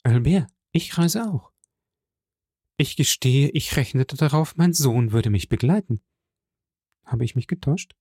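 A man's voice: medium pitch, animated, unhurried, pauses often, mellow, breathy edge, no echo, studio quality. A man voicing an anxious, grieving noble mother in an audiobook reading. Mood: sorrowful.

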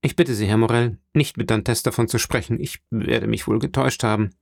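A man's voice: medium pitch, steady tone, a little fast, creaky, dry recording, lightly acted. A man reading the part of a scheming, envious ship's clerk in an audiobook, sly and insinuating.

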